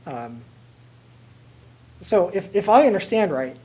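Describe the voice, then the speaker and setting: An American woman, a board trustee, formally putting questions at a public meeting in a measured, deliberate way with pauses. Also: mid-range voice, big pitch swings, a little mellow, low-quality recording.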